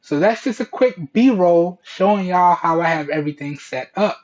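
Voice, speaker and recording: A man's voice: high voice, expressive, moderate pace, darkish tone. A man presenting a casual, colloquial product test to camera, often checking in with listeners, heard through Bluetooth earbud microphones. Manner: colloquial, repeatedly checks in with "okay" and "all right". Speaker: tech reviewer, video host. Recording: dull Bluetooth earbud headset mic.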